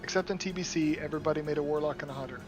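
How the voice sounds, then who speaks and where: Guy in a gaming voice chat, kinda high voice, music going behind. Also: rapid-fire. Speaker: gamer on voice chat. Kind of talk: casual group chat.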